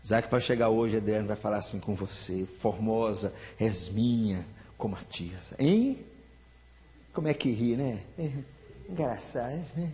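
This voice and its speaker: A man's voice: lowish voice, unhurried, mellow, in a large hall. A man with a Brazilian Portuguese accent, a pastor leading a Bible study in a chatty, joking way, teasing listeners by name. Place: church hall.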